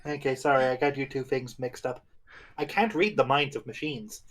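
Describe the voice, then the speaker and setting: A man's voice: mid-range voice, steady tone, normal speed, fairly bright tone. A man apologizing sheepishly in a casual chat between dub takes. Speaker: voice actor in a fan dub.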